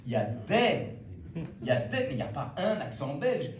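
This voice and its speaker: A man doing a stand-up comedy set, telling animated, mock-outraged stories. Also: on the high side, moderate pace. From Belgium. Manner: animated, mock-outraged storytelling with put-on accents. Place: comedy stage before a live audience. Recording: roomy live venue, mic at a distance, audience noise.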